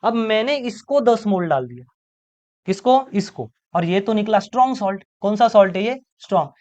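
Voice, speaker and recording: A man teaching a chemistry lecture in a playful way, firing quick questions at the class and answering them himself. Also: high-pitched, lively intonation, darkish tone, lo-fi sound.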